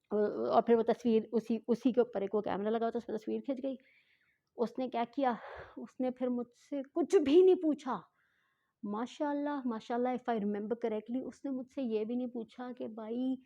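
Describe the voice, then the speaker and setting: A woman telling a travel story in a casual vlog, chatty and often correcting herself, mixing in English phrases and speaking slowly on purpose. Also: fairly high pitch, mellow, dull audio. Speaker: travel vlogger.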